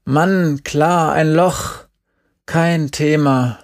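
A man voicing a brash, foul-mouthed young girl in an audiobook, with sharp, blunt exclamations. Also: fairly high pitch, fairly even intonation, very slow, voice pushed up. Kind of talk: audiobook character voice.

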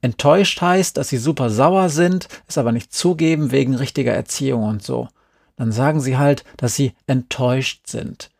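A man's voice: medium pitch, normal speed, creaky, a little mellow, dry recording, studio quality. A man voicing a sulky, irritated young boy as he reads a story aloud. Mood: annoyed.

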